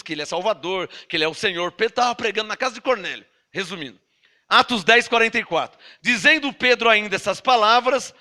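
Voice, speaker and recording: A Brazilian pastor with a Brazilian Portuguese accent preaches a sermon in an extremely high-pitched, bright, forceful voice. He is emphatic and scolding, hurling rhetorical questions at his listeners.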